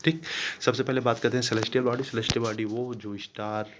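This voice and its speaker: A man's voice: medium pitch, level tone, fast talker, background noise. A man teaching a school geography class, explaining terms step by step and often checking if students follow. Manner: explains step by step, keeps asking "clear?". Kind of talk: classroom lecture.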